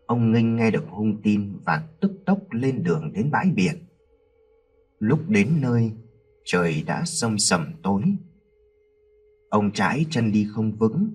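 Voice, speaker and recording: Expressive husky man narrating a ghost story. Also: lowish voice.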